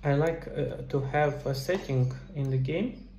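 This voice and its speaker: A middle-aged man's mid-range, creaky, mellow voice comes through a headset as he casually explains game development in a screen-recorded tutorial. He talks a little slowly from a small room at his computer, and the recording has a roomy echo with faint noise behind it.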